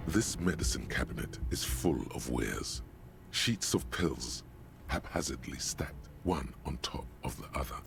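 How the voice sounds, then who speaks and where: Man putting on a brooding detective inner voice, extremely deep, gravelly, wry, game narration. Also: lively intonation, unhurried, background noise, heavily acted.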